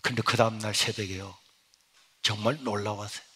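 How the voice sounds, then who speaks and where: A man's voice: lowish voice, steady tone, brisk, slightly rough. Male pastor preaching a dramatic testimony. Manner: storytelling with sudden swings from loud exclamation to hushed near-whisper. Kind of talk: sermon with personal testimony.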